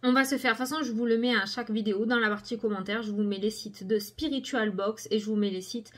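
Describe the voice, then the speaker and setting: A woman's voice: on the high side, steady tone, quick pace. A middle-aged woman hosting a casual review video, chatting with lots of fillers while showing items to the camera. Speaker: cartomancy video host. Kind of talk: casual product review chat.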